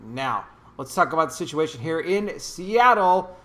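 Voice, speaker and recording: Man with a slightly high voice doing an indignant political vlog, preachy and repeating himself for emphasis. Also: animated, unhurried, a bit bright. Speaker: YouTube commentator. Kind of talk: opinionated political commentary vlog.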